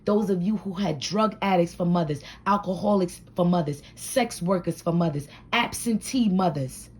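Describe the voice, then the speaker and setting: A woman's voice: fairly low pitch, moderate pace. Scratchy-voiced woman preaching hard truths. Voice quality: scratchy, husky smoker's voice. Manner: blunt, preachy, talks straight to the viewer. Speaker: vlogger giving life advice. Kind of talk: fiery motivational talk to camera. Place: home room with a door.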